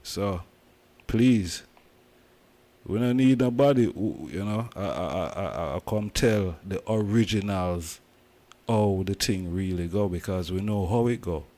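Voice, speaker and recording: Deep-voiced Jamaican man, emphatic. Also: slow, long pauses, warm tone. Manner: emphatic, preaching in Jamaican patois. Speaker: host. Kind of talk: casual commentary.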